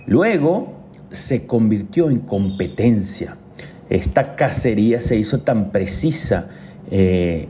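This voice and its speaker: A man's voice: mid-range voice, a little mellow, a little hiss or hum. A man from Venezuela, an orthopedic doctor, giving an explanatory medical talk with frequent hesitation fillers.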